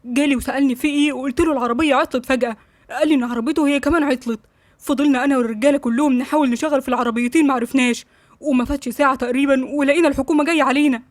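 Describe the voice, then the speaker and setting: A woman with an Egyptian accent voicing a frightened male henchman who pleads rapidly with his boss. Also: high voice, steady tone, dry recording, close to an everyday voice. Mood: pleading. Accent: Egyptian Arabic. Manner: pleading, swearing oaths, rapid.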